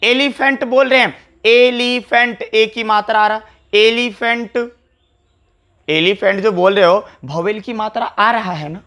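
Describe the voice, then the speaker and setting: A man gives a grammar lesson in a high, bright voice. He repeats key words over and over and keeps asking his students questions. He speaks as a teacher working at a whiteboard. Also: measured pace. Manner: explains, repeats words, asks rhetorical questions. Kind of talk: classroom lecture to camera. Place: classroom with a whiteboard.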